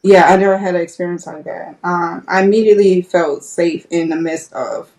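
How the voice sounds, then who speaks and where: A woman's voice: lowish voice, fairly even intonation, moderate pace, a little mellow, far from the mic. A woman, a nurse guest on a podcast, telling a personal story candidly and acting out past conversations. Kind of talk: personal story told in an interview.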